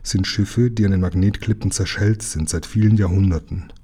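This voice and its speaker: A man reading a children's book aloud, voicing a calm, sturdy engine driver who talks low and gruff. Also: normal speed.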